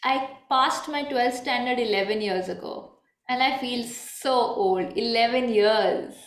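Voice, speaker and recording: High-voiced chatty young woman. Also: measured pace, roomy sound. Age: 20s. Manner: chatty, laughs often. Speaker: chess commentator co-host. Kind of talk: casual chess commentary chat. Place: room at home.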